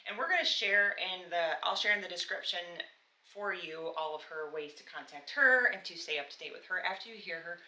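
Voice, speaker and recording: A woman hosting a casual chat podcast, with a bright, forceful voice and a slightly low pitch. She talks in a chatty, gushing way with quick asides, and the room sounds echoey. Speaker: podcast host.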